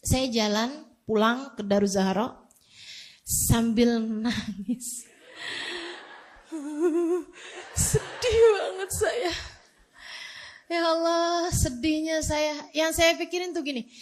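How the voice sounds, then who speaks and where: High-voiced woman preacher telling stories. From Indonesia. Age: 40s. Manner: animated, self-mocking storytelling with laughs. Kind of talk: storytelling religious talk.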